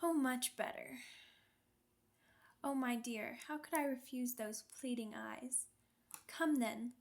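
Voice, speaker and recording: Her voice is fairly high, gravelly, and extremely slow as she voices a sadistic vampire in an intimate, scripted ASMR monologue. Mock-tender and possessive, she seduces and commands with deliberate teasing menace and condescending pet names, treating the listener like something she owns.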